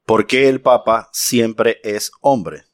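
A man telling jokes in a casual chat, with a drawn-out, theatrical delivery. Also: on the low side, no echo, studio quality.

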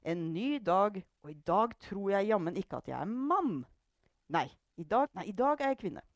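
A woman voicing a sharp-tongued, sarcastic elderly grandmother who loves provoking her family. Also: mid-range voice, animated, no room sound, muffled recording, pitched above the performer's own voice, close to an everyday voice. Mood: declaiming. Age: older. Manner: sarcastic, declaiming.

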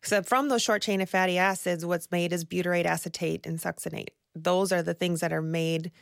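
A woman speaking as a nutrition coach guest on a podcast, explaining things in a measured way with small restarts. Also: lowish voice, fairly even intonation, creaky, no echo, clean studio sound. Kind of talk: podcast conversation.

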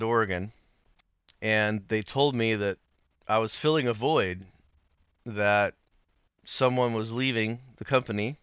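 A middle-aged man telling his story in an interview, earnest and animated, with pauses and fillers. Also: on the low side, clean tone, dry recording, clean studio sound. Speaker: interview guest, founder.

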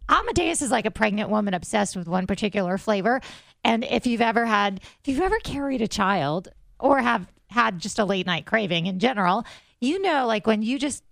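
A woman's voice: mid-range voice, lively intonation, a little fast, creaky, a bit bright, no room sound. An American woman co-hosting a radio show, bantering casually and teasing as she prompts her partner. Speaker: morning radio show co-host.

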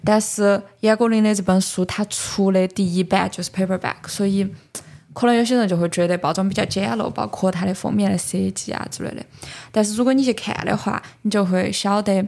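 A woman podcast host speaks with a Sichuanese accent in a gravelly, fry-edged voice at a medium pitch. She explains things conversationally, as in a casual book talk, and slips English words into her sentences. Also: steady tone, fairly quick, darkish tone.

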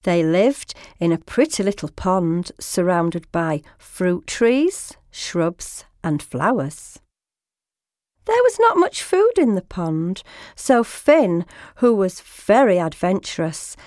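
A woman reading a children's story aloud as a storyteller, slow and deliberate. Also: on the low side, sing-song, a little mellow, no echo, studio quality.

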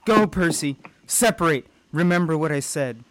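A man's voice: on the high side, expressive, normal speed, a bit bright, pitched above the performer's own voice. A man reading aloud, voicing an exhausted mother who urgently pleads with her son to run. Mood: desperate. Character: desperate exhausted mother urging son to flee.

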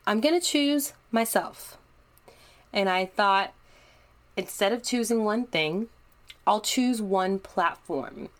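Delivering a solo episode of her podcast, a young adult woman stays upbeat, chatty and encouraging. She has a medium-pitched, animated voice, speaks slowly and pauses often.

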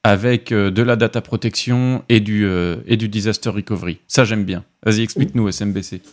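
A man hosting a relaxed tech podcast, his voice sitting a little low. He moves the conversation along with questions and light teasing of his co-hosts. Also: a little fast. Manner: joking, leads with questions. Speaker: podcast host and moderator. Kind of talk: casual tech podcast chat.

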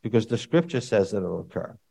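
A male preacher talks through a sermon in a relaxed, conversational way. He peppers it with asides and rhetorical questions to the congregation, and now and then he jumps to a loud, emphatic shout before settling back down. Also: fairly low pitch, fairly quick, vocal fry.

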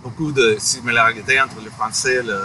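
A man's voice: medium pitch, fairly even intonation, brisk, sharp tone, a little hiss or hum. A man whose first language is Spanish, answering interview questions in simple, brief phrases. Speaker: guest, board member. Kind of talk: casual conversational interview.

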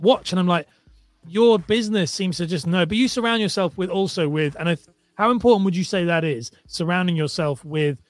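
A man's voice: sits high, no room sound. A man hosting a casual interview, putting questions in a rambling, roundabout way.

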